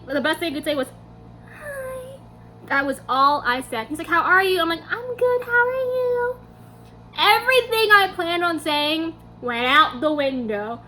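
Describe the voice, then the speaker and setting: A young woman vlogger telling a story to camera in a casual, animated way, acting out her own quotes. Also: sits high, slight background noise.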